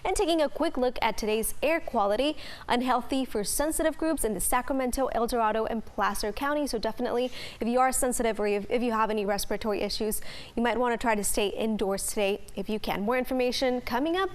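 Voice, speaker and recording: A woman weather presenter with an American accent gives a partly ad-libbed forecast. Her voice is fairly high in pitch. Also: quick pace. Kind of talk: semi-improvised weather forecast.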